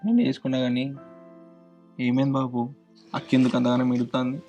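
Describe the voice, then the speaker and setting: A young actor with a Telangana Telugu accent playing a worried, protective younger brother who questions and reassures. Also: male voice, mid-range voice, monotone, fast, a little mellow, soft background music, natural voice. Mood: urgent.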